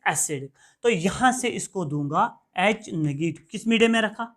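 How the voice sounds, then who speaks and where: A man teaching a classroom lecture who keeps checking whether the students follow. He asks a question, repeats the key term and answers it himself in a steady call-and-response rhythm. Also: high-pitched, normal speed. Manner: quizzes students and answers his own questions.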